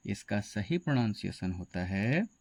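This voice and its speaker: A man's voice: fairly low pitch, big pitch swings, moderate pace, a little mellow, no room sound. A man teaching a pronunciation lesson to students, spelling out words letter by letter.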